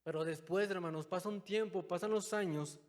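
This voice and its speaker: A young man preaching a sermon in a church, calling his listeners brothers and moving between loud, stressed phrases and quiet, low asides. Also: fairly quick. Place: church hall. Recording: long hall reverb.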